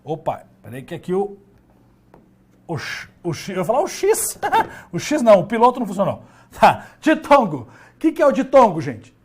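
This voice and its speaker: A man's voice: high-pitched, slightly rough. A male teacher giving a grammar lesson, stretching key words and asking himself questions as he goes. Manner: animated, drawn-out emphasis on key words, talks to himself.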